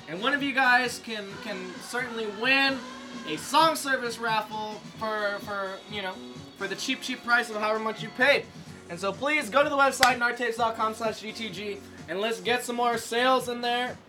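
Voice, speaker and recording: Excitable high-voiced man hosting a cooking stream. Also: moderate pace, over music. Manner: loose, excitable, swears freely, reads viewer chat aloud. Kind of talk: casual live-stream chat while cooking.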